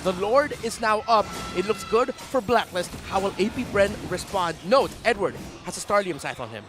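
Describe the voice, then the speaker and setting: A man working as an esports caster, giving excited, emphatic live commentary on a game. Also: high voice, normal speed, music in the background.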